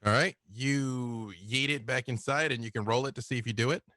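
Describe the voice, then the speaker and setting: A man runs a survival horror tabletop game, his voice bright and forceful. He narrates with energy and throws himself into the action. The sound is dry and close. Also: mid-range voice, a little fast, no echo. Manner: animated, slips into shouted character voices. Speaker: game master.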